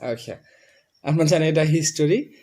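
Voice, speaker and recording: A man's voice: fairly high pitch, a little mellow. Bengali-accented male pronunciation teacher. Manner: drills words slowly, repeats them for a student. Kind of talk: classroom lesson.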